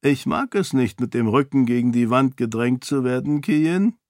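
A man voicing a gruff, measured old duke. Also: medium pitch, lively intonation, a little mellow, no echo, clean studio sound, natural voice. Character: older duke, gruff self-styled old bear. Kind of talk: audiobook character voice.

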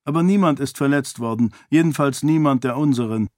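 A man's voice: mid-range voice, brisk, a little mellow, no room sound, studio quality, voice pushed up, close to an everyday voice. A man voicing a bold, outspoken young noblewoman in an audiobook. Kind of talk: audiobook dialogue.

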